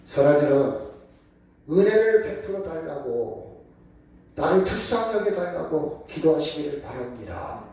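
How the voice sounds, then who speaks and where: Echoey high-voiced man preaching. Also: big pitch swings, normal speed, a little mellow. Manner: emphatic call-and-response preaching. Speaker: pastor. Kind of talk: sermon. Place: church sanctuary. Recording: very echoey room, voice from far off.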